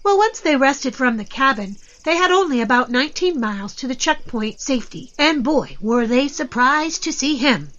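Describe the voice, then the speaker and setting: High-voiced woman narrating a children's story. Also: expressive, normal speed, few pauses, fairly bright tone. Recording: slightly dull, lo-fi recording.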